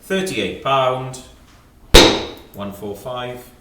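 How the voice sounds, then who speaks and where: A man's voice: medium pitch, drawn-out words, sharp tone. A British man working as an antiques auctioneer, calling lots and rising bids in clipped numbers with repeated prompts to the room. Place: indoor auction sale room. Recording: echoey sale room, distant microphone.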